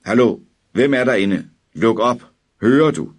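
A man voicing a father who demands loudly from behind a locked door. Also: mid-range voice, expressive, pitched above the performer's own voice. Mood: demanding. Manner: loud, demanding. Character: angry father banging on a door.

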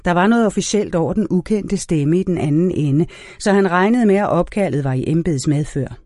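A man reading a novel aloud as an audiobook narrator in a measured, even storytelling manner. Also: sits high, no echo, studio quality. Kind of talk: scripted narration.

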